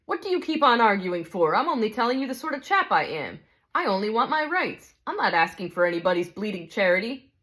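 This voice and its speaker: A woman's voice: fairly high pitch, animated, moderate pace, fairly bright tone, voice pushed up. A woman voicing a big, self-righteous male ghost who complains in coarse working-class speech. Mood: aggrieved.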